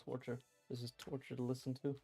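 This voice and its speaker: Gravelly hiccuping man in his thirties. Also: mid-range voice, monotone, quick pace, dark tone, soft background music. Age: 30s. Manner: reads chat aloud, wry and blunt. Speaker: livestreamer. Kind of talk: casual livestream chat.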